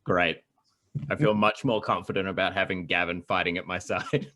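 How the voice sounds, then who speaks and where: A man's voice: deep voice, steady tone, normal speed, pushed and bright. A man playing in a tabletop game, making wry, dry remarks. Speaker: player. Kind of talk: casual tabletop game play.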